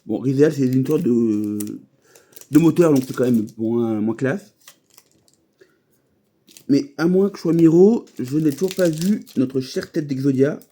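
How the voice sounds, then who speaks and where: A man's voice: mid-range voice, measured pace, pauses often, mellow. A man chatting casually while opening trading card packs, rambling from thought to thought with many fillers and restarts.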